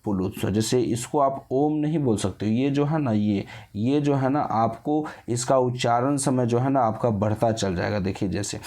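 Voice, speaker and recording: A man teaching an exam-prep class at a medium pitch. He keeps asking questions and answering them himself. He stretches vowels slowly to show their length. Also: dark tone.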